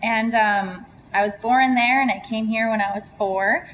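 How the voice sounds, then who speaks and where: A woman's voice: on the high side, steady tone, measured pace, a bit bright, lo-fi sound, a little hiss or hum. A woman from Serbia talking candidly as an entrepreneur guest in a casual interview. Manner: candid, chatty.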